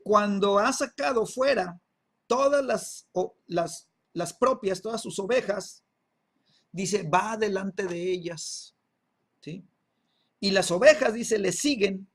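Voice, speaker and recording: A man's voice: high voice, takes it slowly, a bit bright. A man teaching an online Bible class, checking in with listeners through constant tag questions and repeating words while he searches for the next one. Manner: peppers speech with tag questions.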